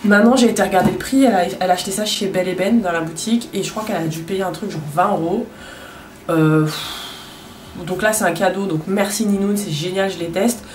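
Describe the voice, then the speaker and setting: A woman's voice: medium pitch, fast, a little mellow, far from the mic, a little hiss or hum. Chatty young woman in an echoey bathroom. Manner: chatty, crude, self-mocking. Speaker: beauty vlogger. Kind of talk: casual chat. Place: home bathroom.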